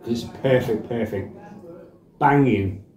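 Casual male reviewer, 40s, middle-pitched, informal and halting, recorded across a table in an echoey room. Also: a crowd in the background. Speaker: snack reviewer. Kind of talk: casual food review to camera. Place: small bare indoor room. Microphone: camera across a table. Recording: echoey room with clear background noise.

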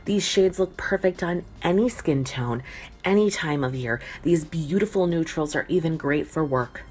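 Woman, low register, polish maker, earnest measured recorded message. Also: darkish tone. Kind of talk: recorded thank-you message.

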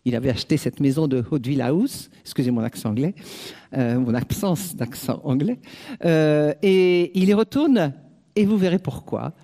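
A woman's voice: sits low, moderate pace, dark tone. A woman giving an academic lecture on literature, hesitant and full of fillers, with wry asides. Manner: hesitant, with frequent "euh" fillers.

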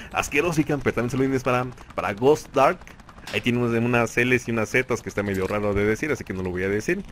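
A young man with a Mexican Spanish accent narrates his own gameplay, cheering himself on in the third person and pleading with the game. His voice sits at an ordinary middle pitch. Loud gunfire and game noise run underneath. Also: a little fast. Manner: excitable, talks to himself in third person, laughs often. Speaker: gaming channel host. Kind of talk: live gameplay commentary. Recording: noisy game audio behind voice. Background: gunfire and game sounds.

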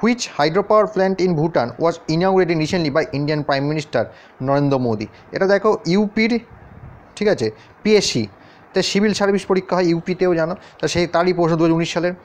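A man's voice: a little high, moderate pace. Man teaching exam prep over a map. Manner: addresses students directly, often checks in with questions. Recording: dull, lo-fi sound.

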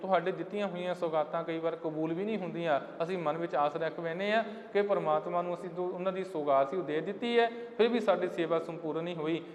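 Brief: male preacher, high voice, chants scripture lines slowly, long hall echo. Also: slight background noise. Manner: addresses listeners as dear ones of the Guru. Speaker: Sikh preacher giving katha. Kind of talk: sermon explaining scripture lines.

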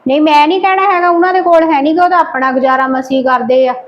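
This is a poor wife who pleads and protests against her husband in an amateur family drama, played by a woman. Her voice is fairly high and she sounds plaintive. The recording is dull and lo-fi. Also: fairly even intonation, moderate pace, lightly acted. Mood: protesting.

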